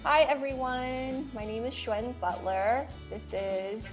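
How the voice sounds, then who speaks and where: A woman in her forties hosting a casual podcast conversation, chatty and quick to laugh. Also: fairly high pitch, music in the background, poor audio. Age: 40s. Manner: chatty, laughs easily, uses lots of fillers. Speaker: podcast host. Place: home in Maine, US.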